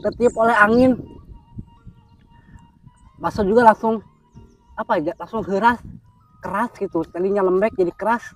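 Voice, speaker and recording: A woman vlogger hosts an outdoor mukbang on a windy hillside plantation, chatting casually and talking with her mouth full as she eats. Her medium-pitched voice moves at normal speed with long pauses, over soft background music, wind and nature sounds, in a noisy outdoor recording with clicks.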